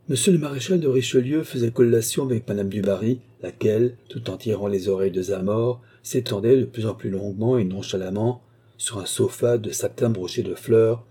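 Guy reading an old novel aloud, low dark husky voice, steady pace. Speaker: audiobook narrator.

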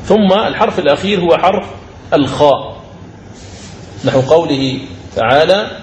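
A male recitation teacher with a fairly high voice gives a lecture, explaining each rule and repeating key phrases. He slows into a melodic chant whenever he recites an example. The room is roomy and echoey, with a faint wash of ambient noise behind him. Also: expressive. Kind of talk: recorded lecture on recitation rules.

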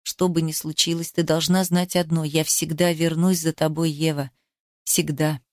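A woman reading an audiobook, voicing a stern, intense, protective grown man in a low, hushed, grave tone. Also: flat delivery, normal speed, dry recording, studio quality, natural voice. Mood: tender.

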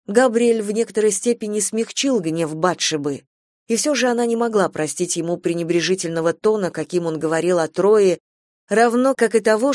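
A woman narrating a classic story in scripted, measured storytelling. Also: mid-range voice, a little mellow, dry recording, clean studio sound.

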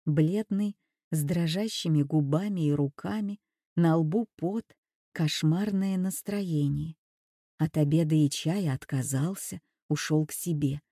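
A woman narrating an audiobook in a measured, even reading voice. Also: low voice, dry recording, studio quality. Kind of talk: scripted narration.

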